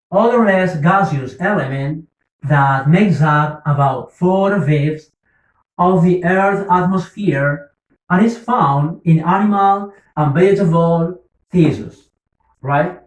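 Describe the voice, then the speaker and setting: Patient man teaching, slow and roomy. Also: a little high, recorded from a distance. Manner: patient, repeats words and checks understanding. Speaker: English teacher. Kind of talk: slow classroom explanation. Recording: roomy, from the mic.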